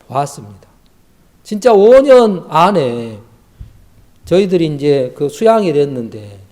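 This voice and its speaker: A man's voice: a little high, dark tone. A man, a missionary preacher, telling a personal testimony in a sermon with emotional storytelling. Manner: emotional storytelling, acts out quoted dialogue.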